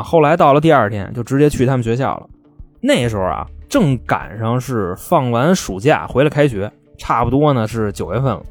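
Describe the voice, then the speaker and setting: A man telling a crime story in a chatty, colloquial way. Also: medium pitch. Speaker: storyteller host.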